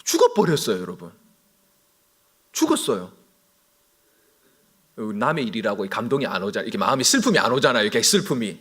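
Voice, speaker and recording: Animated male pastor preaching a sermon. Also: medium pitch, a little fast, long pauses, breathy edge. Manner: animated, swings between loud emphasis and quiet asides; acts out the characters' lines. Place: church.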